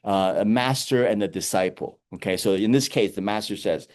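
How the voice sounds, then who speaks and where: A man giving a lecture, telling Zen koans with animated storytelling and frequent chuckles. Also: fairly low pitch, moderate pace.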